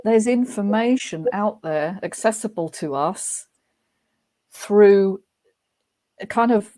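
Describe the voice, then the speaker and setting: A woman, a guest author speaking thoughtfully in a relaxed interview, often pausing and restarting her sentences. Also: medium pitch. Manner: thoughtful, hesitant, many restarts. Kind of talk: casual interview chat.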